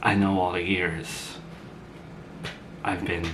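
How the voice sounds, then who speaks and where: A man's voice: low voice, flat delivery, slow pace, background noise. A man voicing a blunt, sarcastic grown woman who had a child young, in an amateur drama. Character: blunt sarcastic mother, grown woman, once a teen mom.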